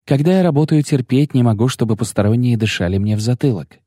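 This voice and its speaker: A man's voice: medium pitch, fast talker, warm tone, no room sound, clean studio sound, close to an everyday voice. A man voicing a sly, sensual young sorceress in an audiobook reading, teasing, coaxing and self-assured.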